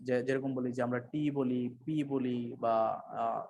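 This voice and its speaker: A man giving an unscripted English pronunciation lesson, mixing two languages, pausing often with fillers and correcting himself. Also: mid-range voice, little pitch movement, warm tone, dull audio. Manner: hesitant, many fillers and self-corrections. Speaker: English teacher.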